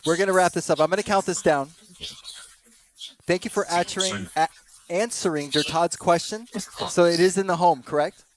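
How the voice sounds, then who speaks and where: A man's voice: high-pitched, normal speed, long pauses, a little hiss or hum. A man hosting a late-night live stream and trying to contact spirits, talking to his chat in a wry, self-mocking way. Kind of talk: casual live-stream commentary.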